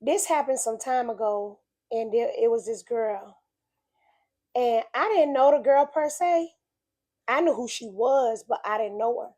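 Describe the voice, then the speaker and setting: Unhurried and warm-toned, a woman with a slightly high voice, a bit raspy from illness, talks through her faith in a casual reflection. She comes across as earnest and preachy, conversational yet repeating herself for emphasis.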